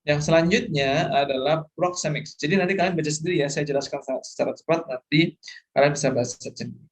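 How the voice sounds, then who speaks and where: A man's voice: on the high side, brisk. A middle-aged male lecturer, explaining course material and often checking that students follow, mixing English terms into his talk. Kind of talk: online lecture.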